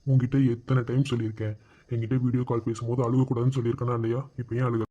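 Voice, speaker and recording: A man's voice: mid-range voice, level tone, rapid-fire, warm tone, highs cut off, lightly acted. A man voicing a young husband in a cartoon love story, teasing his wife and then reassuring her in a coaxing way. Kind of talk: cartoon voice acting.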